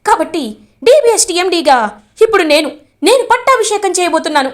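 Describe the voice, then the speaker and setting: A boastful, scheming young man from a family drama, as a woman narrator puts him on. He talks fast and excitedly, his voice jumping high with gloating pride. The voice sits high and lively.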